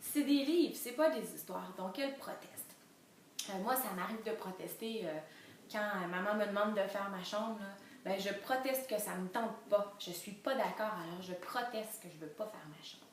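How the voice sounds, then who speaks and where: A woman with a Quebec French accent, reading a storybook aloud to toddlers in an animated way and spelling out syllables slowly. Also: medium pitch. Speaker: children's reading educator. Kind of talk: enriched read-aloud lesson for toddlers. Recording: very echoey room, distant mic, faint noise.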